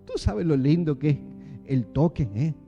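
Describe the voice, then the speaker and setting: Argentine pastor preaching with rhetorical questions. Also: male voice, a little high, moderate pace, vocal fry, lo-fi sound, over music. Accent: Argentine Spanish. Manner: animated, rhetorical questions to the congregation. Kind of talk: sermon. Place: church.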